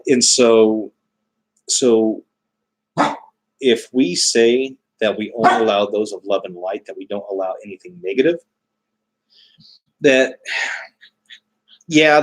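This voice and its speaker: A man chatting casually as a livestream host, halting often as he searches for his words. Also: medium pitch, poor audio. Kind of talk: casual live chat explaining spiritual beliefs.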